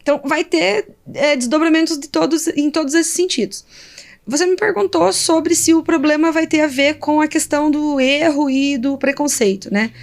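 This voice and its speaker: Woman, high voice, lively professor explaining in conversation, laughs a lot. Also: normal speed. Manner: animated, laughs often, demonstrates pronunciations. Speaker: linguistics professor guest.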